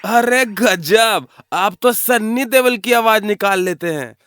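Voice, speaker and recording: A man's voice: high voice, slow, fairly bright tone, a little hiss or hum. A man voicing a cocky, talkative young male ghost with rustic, teasing banter. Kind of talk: audio story acting.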